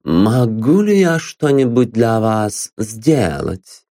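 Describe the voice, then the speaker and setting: A man's voice: medium pitch, lively intonation, unhurried, a little mellow, dry recording, clean studio sound, pitched above the performer's own voice, close to an everyday voice. A man reading an audiobook, voicing a stiff, formal woman who speaks in an official tone.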